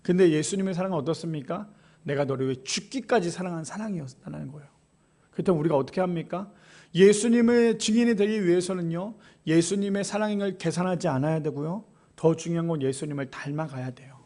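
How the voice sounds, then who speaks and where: A man's voice: a little high, quick pace. A male pastor preaching a sermon in a small church, acting out scripture dialogue as he goes. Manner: animated preaching, acting out Bible dialogue in quoted voices.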